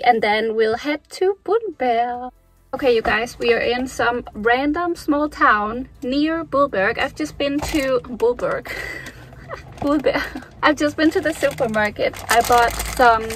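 Chatty high-voiced woman vlogger. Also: a bit bright. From Denmark. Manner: chatty and enthusiastic. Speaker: travel vlogger. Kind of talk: casual vlog narration to camera.

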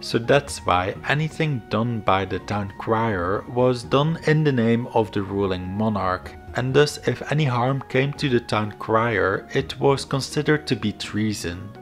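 A man reads a scripted history explainer in a mid-pitched voice. His delivery is measured and explanatory, with instrumental music playing softly behind him. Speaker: video narrator. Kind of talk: scripted educational history narration. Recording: background music under voice.

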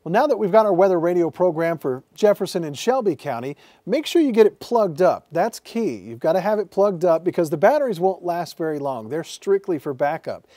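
Quick and animated with few pauses, this man's high, dark-toned voice comes through with no room sound. He's a TV meteorologist demonstrating a radio setup in the weather studio, explaining each step in a friendly way for viewers.

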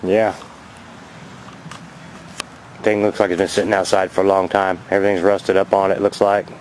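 Outdoors by his garage, a vlogger in his fifties chats loosely and enthusiastically about his finds while holding the camera himself. He talks in a low voice at normal speed, and the low-quality recording carries a bit of hiss or hum.

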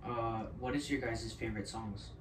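A man reading out brief, flat questions to his sisters from off to the side. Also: mid-range voice, moderate pace. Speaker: question asker. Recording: distant, echoey, faint noise.

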